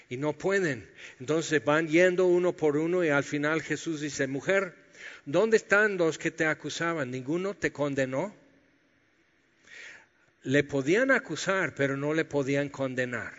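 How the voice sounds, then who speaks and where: A man delivers a sermon and acts out Bible scenes with humor. His voice sits fairly high. The sound is dull and lo-fi, with a long reverb trailing through a large hall. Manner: lively storytelling, acting out biblical scenes with humor. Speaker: pastor.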